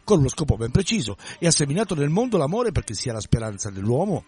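A timid, devout youth who hurries to smooth things over, as a male reader puts him on. The voice is a little husky and fairly high, and it moves around lively. The manner is gentle and earnest, like a storybook dialogue. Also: fast talker, exaggerated voice. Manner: gentle, earnest, hasty to apologize. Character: timid, pious young companion, secretly a girl.

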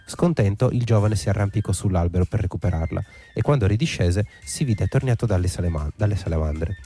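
A man reading a folk tale aloud in a measured, steady way. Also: sits low. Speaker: storyteller. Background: faint instrumental music.

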